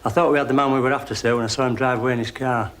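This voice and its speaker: A man's voice: mid-range voice, steady tone, racing, fairly bright tone, slight background noise, close to an everyday voice. An actor playing a dutiful, deferential police detective, reporting to his boss. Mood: matter-of-fact.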